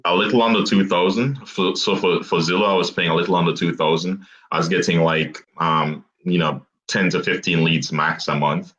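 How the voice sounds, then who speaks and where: A young man who grew up outside the US tells his story as a guest in a relaxed interview chat, laughing often, putting himself down, and restarting haltingly. His voice sits low, and the online call audio is dull and lo-fi.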